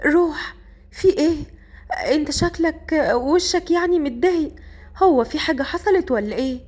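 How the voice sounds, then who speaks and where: Woman narrator raising her voice as a playful young bride, sweet and soft, storybook. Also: high-pitched, normal speed, voice pushed up, natural voice. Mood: worried.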